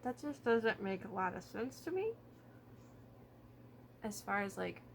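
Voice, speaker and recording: A woman's voice: mid-range voice, big pitch swings, a little slow, gravelly, a little hiss or hum. A woman talking informally to camera about true crime, thinking aloud and hedging as she goes. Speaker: vlogger.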